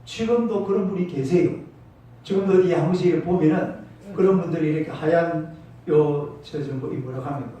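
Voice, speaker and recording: A man's voice: fairly high pitch, moderate pace, warm tone, highs cut off. A male pastor preaching a sermon, emphatic, calling out to the congregation for responses. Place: church sanctuary. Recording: echoey church hall from far off.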